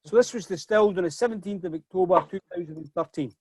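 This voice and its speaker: A man's voice: high-pitched, fast talker, a little mellow, husky, no echo. A middle-aged man hosting a whisky tasting over a video call, chatty and often repeating words as he starts a sentence. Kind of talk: casual online tasting talk.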